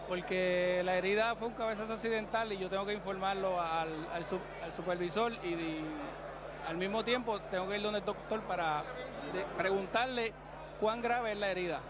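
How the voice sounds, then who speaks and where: High, fast-talking male referee. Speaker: boxing referee. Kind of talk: interview answer. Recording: loud arena crowd and noise.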